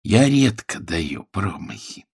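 A man voicing a shy, earnest man who is proud of his gun, speaking slowly and deliberately. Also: deep voice, sing-song, darkish tone, no room sound, studio quality, full character voice. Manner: slow, deliberate, gravelly.

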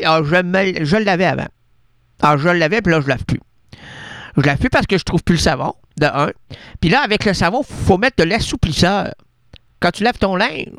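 A man's voice: fairly bright tone, dry recording, clean studio sound. A man with a Québécois French accent, hosting a radio show and delivering a rambling, absurd comic monologue full of wordplay. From Quebec. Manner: rambling, absurd wordplay, playful with sudden pitch jumps. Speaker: radio host.

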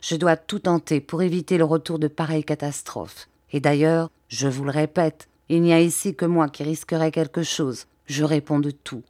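A woman reading an audiobook, voicing a grave, composed English scientist who speaks in a measured, formal way. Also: low-pitched, steady tone, a little mellow, dry recording, close to an everyday voice. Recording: dry close audiobook recording.

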